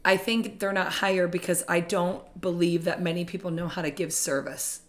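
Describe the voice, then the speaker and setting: Speaking at normal speed in a fairly low, slightly raspy voice, a real estate leader chats eagerly and easily in a laid-back podcast conversation.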